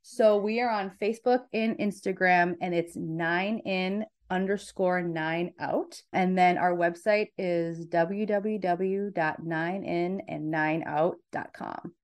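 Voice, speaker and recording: A woman's voice: fairly low pitch, steady tone, takes it slowly, hardly any pauses. A woman in her thirties, a sleep consultant, chatting casually as a podcast guest and often restarting her sentences. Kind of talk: casual interview chat.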